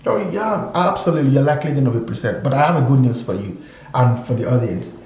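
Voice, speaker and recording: A man's voice: medium pitch, animated, fast talker, darkish tone, slight background noise. A man talking as a guest in a casual discussion, emphatic, repeating his points, with lots of fillers. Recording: echoey room.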